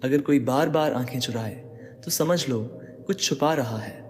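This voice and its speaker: Speaking a little slowly in a mid-range, darkish voice, a man delivers dramatic motivational narration straight to the listener, posing rhetorical questions. The recording has long reverb, faint background music, and slight background noise.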